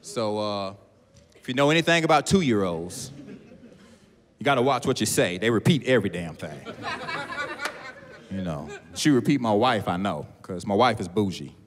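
A man doing stand-up comedy in a large theater, telling a story in an animated way that jumps into high character voices. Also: normal speed, long pauses, in a large hall, a crowd in the background. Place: large theater, live audience. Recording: live theater with audience laughter.

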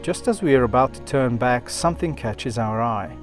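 A man in his thirties delivers scripted voice-over in the manner of a nature documentary. His pitch sits in the middle range, with music clearly playing behind him. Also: animated, moderate pace. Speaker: travel vlog narrator.

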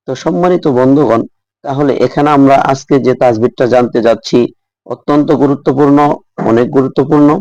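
A man's voice: mid-range voice, warm tone, no room sound, lo-fi sound. A man teaching Quran recitation rules patiently, repeating and drawing out letter sounds as he explains. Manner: patient, repetitive instruction with drawn-out letter sounds. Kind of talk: tajweed lesson.

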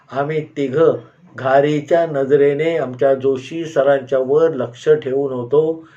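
A man telling a personal school memory in an unhurried way, often pausing to explain himself with asides. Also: on the high side, a little mellow. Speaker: storyteller. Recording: slightly dull, lo-fi sound.

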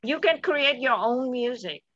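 A woman's voice: sits high, lively intonation, a little slow, muffled recording, a loud crowd. A woman whose first language is Vietnamese, coaching a child in an upbeat, coaxing way and saying okay again and again. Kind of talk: encouraging lesson chat.

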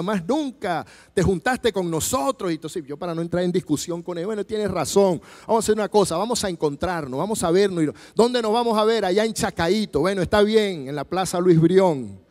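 Venezuelan pastor, 40s, handheld mic on a church stage, high voice echoing through the hall, acts out every story. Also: male voice. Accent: Venezuelan Spanish. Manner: animated storyteller acting out dialogue, gesturing freely. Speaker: preacher. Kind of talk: sermon with told anecdotes. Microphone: handheld microphone. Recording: long church hall reverb.

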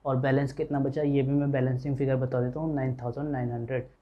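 A man's voice: medium pitch, flat delivery, fast, lo-fi sound. A man teaching an accounting lecture, explaining step by step and voicing his students' questions himself. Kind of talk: classroom lecture.

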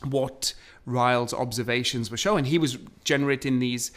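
A man's voice: mid-range voice, fairly even intonation, moderate pace, fairly bright tone. A man co-hosting a casual science conversation, explaining astronomy history in a storytelling way with frequent fillers. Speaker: co-host.

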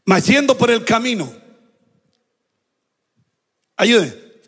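High-voiced preacher in an echoing hall. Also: male voice, very slow, breathy edge. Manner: lively preaching with shouted emphasis and sound effects. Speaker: pastor. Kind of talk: sermon.

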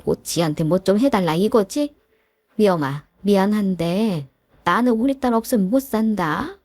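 Woman doing older mother-in-law, whiny, guilt-tripping, mellow voice, dry sound. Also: medium pitch, animated, normal speed, no echo. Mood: pleading, pushy. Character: older mother-in-law, pushy and self-pitying. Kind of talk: storybook drama reading.

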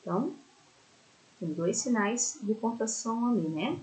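A woman's voice: on the high side, animated, a little slow, darkish tone, poor audio. A Brazilian woman teaching a primary school lesson in a recorded remote class. She talks affectionately and explains step by step, often checking in with her pupils. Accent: Brazilian Portuguese.

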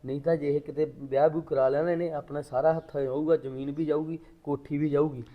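An actor playing a greedy brother who plots over land, then shouts at his sister. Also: flat delivery, fast talker, narrow, tinny audio, natural voice. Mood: scheming. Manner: scheming in low tones, then shouting. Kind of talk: Punjabi family drama acting.

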